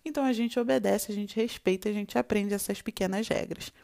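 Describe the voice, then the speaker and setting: A Brazilian woman with a Brazilian Portuguese accent teaches an online French lesson, explaining patiently, recapping, and modeling short lines of dialogue. Her mid-range voice is creaky and dark in tone, and she speaks briskly.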